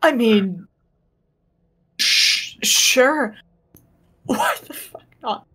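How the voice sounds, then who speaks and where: A woman's voice: fairly high pitch, lively intonation, extremely slow, bright, forceful tone, husky. A woman chatting casually as a player in a tabletop game, thinking aloud and often repeating words. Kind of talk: casual improvised game chat.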